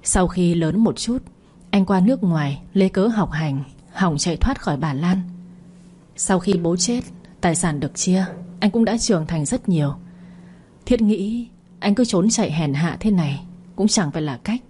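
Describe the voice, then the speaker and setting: A woman narrating a story in a steady, even storytelling voice. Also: fairly low pitch, normal speed, slight background noise.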